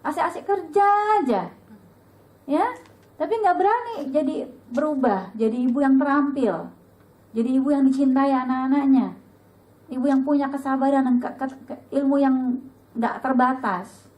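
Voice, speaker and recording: High-voiced chatty woman teaching a group. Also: moderate pace, poor audio. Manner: lively, chatty, acts out dialogue with sudden high pitch. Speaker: religious teacher at a women's study group. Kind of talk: casual religious talk to an audience.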